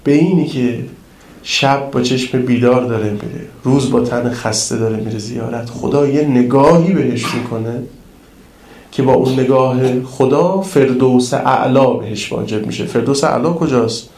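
A man preaching to pilgrims, telling a story in a lively, colloquial way. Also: medium pitch, echoey room. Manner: colloquial, lively retelling of an anecdote. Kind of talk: storytelling sermon in casual speech.

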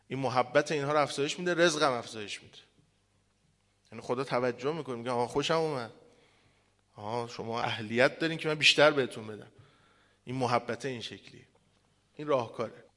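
A male cleric delivering a sermon, moving from impassioned preaching to a softer, mournful recitation. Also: medium pitch. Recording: long reverb of a hall.

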